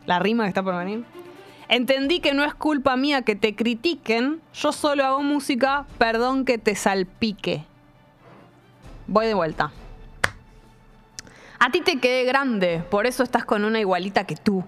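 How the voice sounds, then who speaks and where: A woman with a porteño Buenos Aires accent and a somewhat high voice chats as a podcast co-host. She runs through headlines casually, full of quick asides and fillers. Soft music sits faintly underneath. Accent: Buenos Aires porteño Spanish. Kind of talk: casual chat and reading news headlines.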